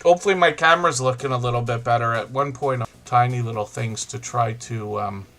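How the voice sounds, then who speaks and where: Middle-aged guy chatting on his livestream, shouting out viewers, bright tone, faint music behind. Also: mid-range voice, brisk. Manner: chatty, greets viewers by name, rambling. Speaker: livestream host. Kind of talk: casual live-stream chat.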